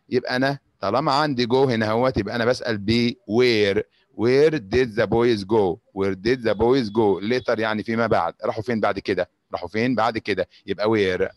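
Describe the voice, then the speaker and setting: A male teacher with an Egyptian Arabic accent gives a grade-school English lesson, moving quickly between Arabic explanations and slow, deliberate English sentences. His voice sits at an ordinary middle pitch, and the recording is dry, with no room sound. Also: no room sound. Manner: slows down sharply to dictate English sentences.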